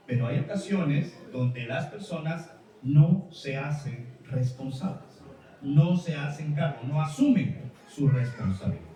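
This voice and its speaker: A man's voice: a little high, warm tone, recorded from a distance. A man with a Peruvian Spanish accent preaching a sermon, telling a personal story in a chatty way, with laughs and asides to the congregation. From Peru. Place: large church hall. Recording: very echoey hall, voice from off-mic.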